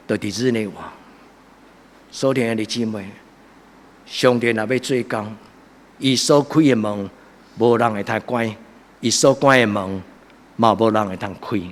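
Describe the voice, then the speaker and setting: A man from Taiwan preaching a church sermon with a Taiwanese Hokkien accent, earnest and exhorting in his delivery. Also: mid-range voice. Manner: earnest, exhorting, swelling into loud emphatic passages. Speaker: pastor preaching a Sunday sermon. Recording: echoey hall with long reverb.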